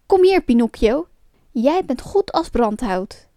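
A gruff, bossy male puppet master from a storybook, acted by a woman reader. He barks orders at the puppets in a fairly high, mellow voice. The recording is dry, with faint music behind him. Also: lively intonation, takes it slowly, dry recording. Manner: bossy, shouting.

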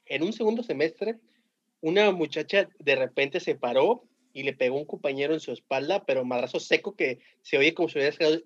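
A Mexican man, a teacher, telling animated anecdotes in slangy casual talk with a Mexican accent and frequent laughter. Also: on the high side, fairly quick. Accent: Mexican Spanish. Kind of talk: casual podcast storytelling. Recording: dull lo-fi sound.

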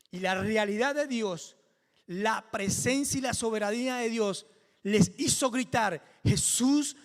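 A male pastor preaching a sermon with fervour, building to near-shouted climaxes. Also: sits high. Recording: long hall reverb.

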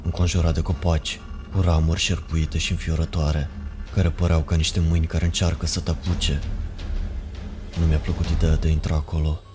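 A man narrating a horror story in a measured, ominous way. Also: rumbling low, flat delivery. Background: music.

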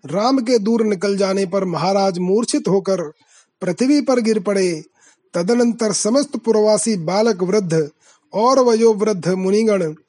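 A man reciting scripture verses in a chanting manner, then reading out their translation in a measured way. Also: high voice, warm tone. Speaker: scripture reader.

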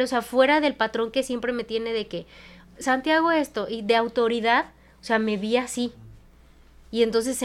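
A Mexican-accented woman chats on a podcast as its psychologist. She talks frankly and with feeling, drops swear words easily, and sits a little high in pitch. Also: clean tone. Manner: frank and expressive, swears freely. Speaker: psychologist co-host. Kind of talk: casual podcast chat.

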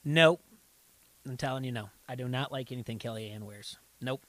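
A middle-aged man in loose, rambling chat, often restarting sentences and getting lively when he retells scenes. His voice sits at an ordinary middle pitch. The recording is dry and close, with no room sound. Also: moderate pace, no room sound. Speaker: podcast co-host. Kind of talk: casual chat.

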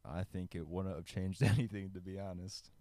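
A man's voice: low-pitched, fairly even intonation, moderate pace, warm tone. A young man co-hosting a podcast in casual chat, laid-back and rambling, full of "dude" and "like". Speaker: podcast co-host.

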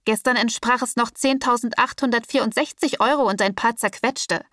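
A woman voicing a calm, cocky young man who talks in an easygoing, smug, soothing way. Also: fairly high pitch, normal speed, dry recording, clean studio sound, distant mic.

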